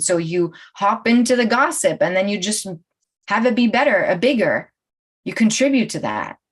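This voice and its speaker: Chatty woman coach who laughs often. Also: mid-range voice. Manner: laughs often, chatty, talks straight to viewers. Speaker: life coach and show host. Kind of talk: live-streamed coaching talk.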